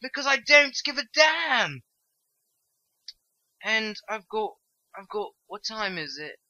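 Slow and sing-song, the high, sharp-toned voice comes with no room sound. A worn-out, stoned young man rambles over casual gameplay, swearing freely and forgetting where his thoughts were going.

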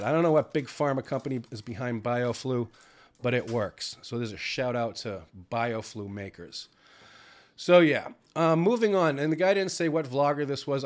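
A middle-aged man talks to his viewers in a loose, rambling way, pausing often on "uh." His voice sits at an ordinary pitch and sounds stuffy and congested from a cold. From United States. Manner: rambling, conversational, frequent "uh" fillers. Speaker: vlogger. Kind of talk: casual vlog chat.

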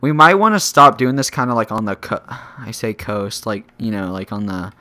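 A man's voice: fairly low pitch, normal speed, bright, forceful tone. A teenage boy from Texas, chatting casually and rambling brashly while playing a game. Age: teens. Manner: rambling, brash and joking, swears a lot. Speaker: gaming channel host. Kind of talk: casual gaming chat.

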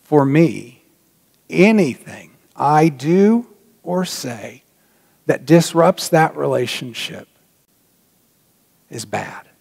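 A man's voice: a little high, expressive, extremely slow, creaky, pauses often, darkish tone. A middle-aged man preaching a sermon from a church pulpit, earnest and reflective, dropping to a near-whisper on key points. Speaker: pastor. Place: large church sanctuary. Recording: long reverb of a church hall.

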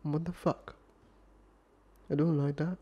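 A man's voice: on the high side, level tone, takes it slowly, breathy edge, lo-fi sound. A man playing an irritated young boyfriend in an ASMR role-play, arguing insistently and sometimes dropping to a whisper. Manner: exasperated, insistent, slipping into soft whispers.

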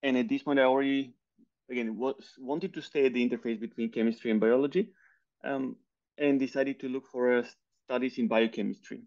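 A man's voice: mid-range voice, steady tone, fairly quick. Bulgarian guy in his 30s chatting on a headset call, thoughtful, little laughs, kinda muffled audio. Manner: thoughtful, laughs softly between points. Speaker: guest, scientist. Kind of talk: casual interview chat. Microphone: headset on video call.

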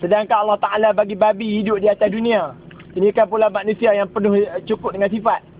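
A man's voice: high-pitched, level tone, fast talker. A man with a northern Malaysian Kedah accent, scolding and taunting in a preachy mock-sermon style of street talk. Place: inside a vehicle. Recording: tinny phone-like sound, vehicle noise.

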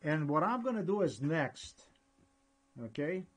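A man excitedly narrating a screen recording, describing each click in a rambling way. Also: a little high, unhurried, slightly rough, poor audio. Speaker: vlogger.

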